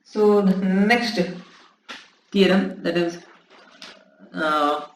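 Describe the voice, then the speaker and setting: A man's voice: high-pitched, extremely slow, slight background noise. A man lecturing in mathematics, dictating in short, repeated phrases as he writes. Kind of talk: maths lecture dictated while handwriting. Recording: echoey room.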